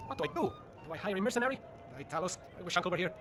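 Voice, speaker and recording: An actor playing an inexperienced, apologetic young noble in a video game, polite and wordy. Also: male voice, high voice, expressive, rapid-fire. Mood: anxious. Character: earnest, mumbling, inexperienced young noble heir. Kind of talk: video game character dialogue. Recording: sped-up game audio under music.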